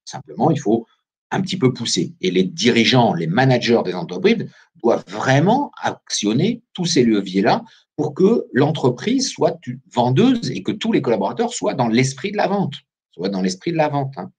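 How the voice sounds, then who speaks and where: A man's voice: mid-range voice, very animated, moderate pace, darkish tone, slightly rough. A man presenting a business webinar as a recruiter, talking animatedly and putting questions straight to his listeners over a video call microphone. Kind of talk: lively business webinar talk.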